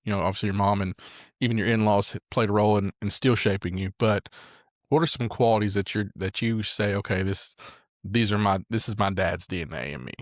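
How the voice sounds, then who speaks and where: A male podcast host asks a guest long questions and wanders as he searches for the wording. His voice sits low, and the recording is dry and close. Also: brisk, no room sound. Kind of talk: interview questions.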